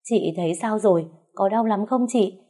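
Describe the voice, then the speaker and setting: A scheming young woman whines and pleads in a high, put-upon voice, as a woman reader voices her. She sounds falsely innocent. It is an audiobook story reading with a soft, mellow tone. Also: moderate pace, close to an everyday voice. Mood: whiny pleading. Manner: pleading, wailing.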